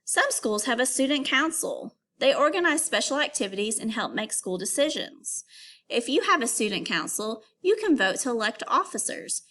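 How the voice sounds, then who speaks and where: In a read-aloud lesson for kids, a woman with a fairly high, very animated voice takes on the role of an elementary teacher. She phrases everything clearly and walks her young listeners through each step at a moderate pace.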